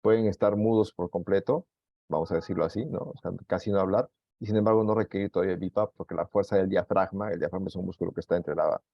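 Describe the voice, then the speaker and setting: Deep gravelly peruvian doctor explaining stuff slowly, lots of "este", dull lo-fi dry sound. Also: male voice, steady tone, no room sound. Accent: Peruvian Spanish. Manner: explanatory, patient, filler-heavy. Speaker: pulmonologist. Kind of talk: medical Q&A talk.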